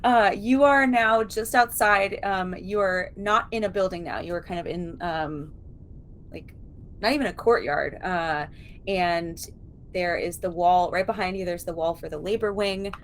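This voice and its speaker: A woman serves as game master, narrating a tabletop session in a loose, hesitant way full of fillers. Her voice sits a little low, and a faint noise hums behind her. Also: unhurried.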